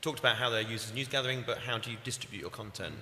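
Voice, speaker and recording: A man moderating a conference panel, briskly reading out comments and taking questions from the room. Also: medium pitch, bright, forceful tone. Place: conference hall, live panel. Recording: echoey hall with faint noise.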